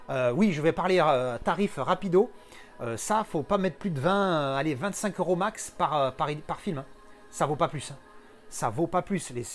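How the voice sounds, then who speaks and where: A man's voice: fairly high pitch, darkish tone. A man showing off his collector purchases in a casual unboxing chat, slangy and thinking aloud as he goes.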